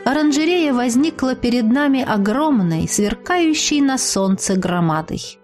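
Expressive woman reading an audiobook. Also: sits high, soft background music. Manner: expressive reading with drawn-out dramatic pauses. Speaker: audiobook narrator. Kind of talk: scripted first-person narration.

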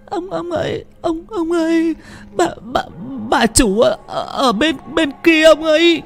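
A man voicing a young female servant girl in a spoken ghost story, talking in a high, stammering voice. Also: normal speed, mellow, faint music behind, natural voice. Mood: terrified. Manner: shrill, stammering panicked cries.

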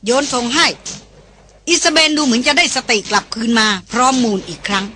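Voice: mid-range voice, animated, brisk, noisy background. An audiobook narrator reading an action novel aloud in a vivid, dramatic storytelling manner.

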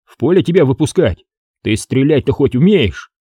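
A man voicing a gruff, impatient middle-aged police chief who talks in slang, in an audiobook. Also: mid-range voice, expressive, normal speed, mellow, no room sound, pitched above the performer's own voice.

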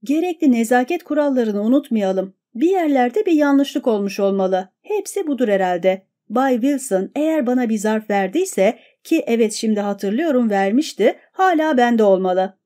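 A man's voice: very high voice, expressive, normal speed, few pauses, mellow. Brief: woman doing a flustered but stern male chairman keeping order, storybook reading. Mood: placating.

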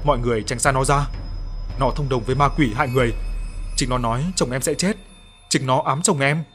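A man reading a horror audiobook voicing a grief-stricken young wife who shouts and wails through tears, with faint music behind. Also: mid-range voice, fairly quick, lightly acted. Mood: furious.

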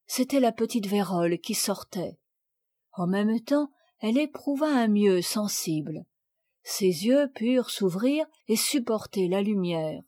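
A woman narrating a classic children's novel in a clear, measured reading. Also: medium pitch, lively intonation, warm tone, dry recording, studio quality. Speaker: audiobook narrator. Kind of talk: scripted storybook narration.

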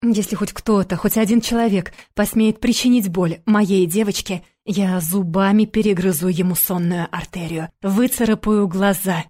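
A woman reading a first-person audiobook in a steady, even way. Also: mid-range voice, normal speed, few pauses. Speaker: audiobook narrator.

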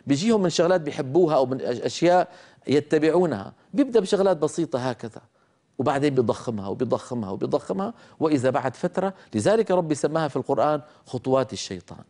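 A man teaches Quran recitation in an earnest lecture, and his voice is warm and mellow. He repeats each rule and sounds the examples out slowly and carefully. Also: medium pitch, very animated. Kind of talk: religious lecture on recitation rules.

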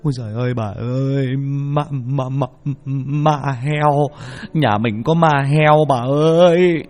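A man's voice: lowish voice, sing-song, quick pace, faint music behind. A man voicing a frightened old male farmer who stammers and wails about a ghost. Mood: terrified wailing. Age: older.

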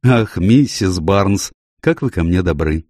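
A man's voice: sits low, animated, slow pace, darkish tone, no room sound, clean studio sound, heavily acted. A man voicing a weary, tender young woman who speaks in an affectionate, pleading way.

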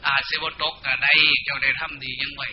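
Monk doing King of the Underworld, soft and slow. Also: medium pitch, flat delivery, natural voice. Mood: consoling. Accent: northeastern Thai (Isan). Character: King of the Underworld, stern but gentle male judge. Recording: dull lo-fi recording with faint hiss.

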